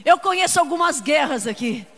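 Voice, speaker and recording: An older woman preaching a fervent sermon, shouting at times and breaking into speaking in tongues. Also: sits high, animated, fairly quick, long reverb tail.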